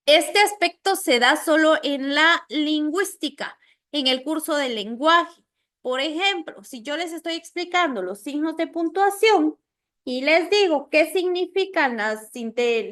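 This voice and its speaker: A woman teacher lecturing a class, explaining with everyday examples and often checking in with "¿verdad?". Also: high-pitched. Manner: acts out little quoted scenes in lively voices.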